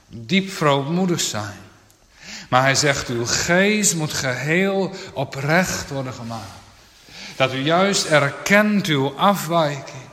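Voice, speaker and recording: A man delivers a sermon at a slow, deliberate pace, his voice set a little high. He speaks solemnly and with emphasis, in old-fashioned biblical phrasing. The sound is roomy, with a long church reverb trailing each phrase. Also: a bit bright. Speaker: preacher.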